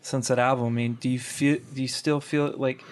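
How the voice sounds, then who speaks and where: A man hosting a podcast, asking his guest questions in a measured, deliberate way. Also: medium pitch, flat delivery, slight background noise. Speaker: podcast host. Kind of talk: interview questions.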